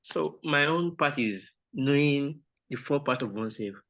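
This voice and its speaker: A man whose first language is Yoruba shares a reflection on a video call as part of a mentorship, speaking politely and hesitantly with many restarts. His medium-pitched voice is expressive, a little slow, and fairly bright, carried over dull, lo-fi online call audio.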